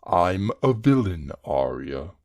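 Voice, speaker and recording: An actor playing a scheming villain uncle who speaks in a slow, measured, menacing way. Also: female voice, very deep voice, big pitch swings, a little mellow, full character voice. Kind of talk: audio drama acting.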